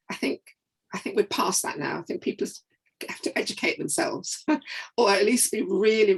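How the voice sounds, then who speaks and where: A woman's voice: mid-range voice, gravelly, husky, poor audio. A woman speaking as a panelist in an online discussion, in a weary, heartfelt way.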